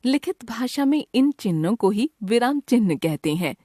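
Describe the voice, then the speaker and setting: Lively-voiced woman teaching children. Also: fairly high pitch, dry recording, clean studio sound. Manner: clear, measured explaining to children. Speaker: grammar teacher. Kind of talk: scripted lesson narration.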